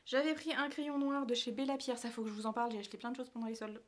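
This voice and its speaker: A woman with a fairly high voice and fairly even intonation talks rapid-fire as a beauty vlogger, casually showing off her travel makeup bag. Her chat rambles with lots of fillers and self-corrections, and she often drops to a near-whisper.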